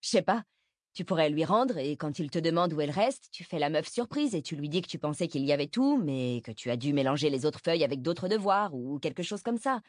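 A woman's voice: sits low, expressive, fairly quick, no echo, clean studio sound. Woman voicing a curious teenage girl. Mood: probing. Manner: probing questions, informal. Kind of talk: audiobook character voice.

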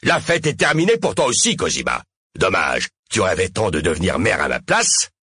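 A man's voice: a bass voice, lively intonation, normal speed, vocal fry, sharp tone, breathy edge, dry recording, clean studio sound, exaggerated voice. A man voicing an enraged mayor who lashes out at the crowd with contempt in a storybook reading. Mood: furious contempt. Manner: harsh, contemptuous outbursts. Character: furious small-town male mayor dismissing crowd.

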